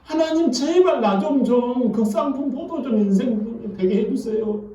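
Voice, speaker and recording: A man's voice: very high-pitched, a little slow, mellow. A preacher voicing a desperate man begging God for a blessing, pleading. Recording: echoey church from far off.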